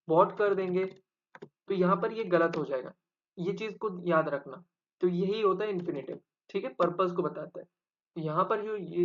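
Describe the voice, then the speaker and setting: A man's voice: high voice, lo-fi sound. A man teaching an exam-prep English grammar lesson, explaining step by step and quizzing his viewers with rhetorical questions.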